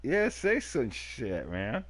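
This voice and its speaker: A man's voice: medium pitch, huge pitch swings, takes it slowly, a bit bright, dry recording. A man streaming a dating game, making casual jokey and mock-outraged comments.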